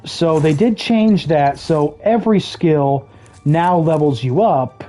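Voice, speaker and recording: A game streamer chatting casually over gameplay, explaining mechanics with dry jokey asides, throat a bit rough with the odd cough. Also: mid-range voice, slow pace, mellow, soft background music. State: throat trouble, occasional coughing.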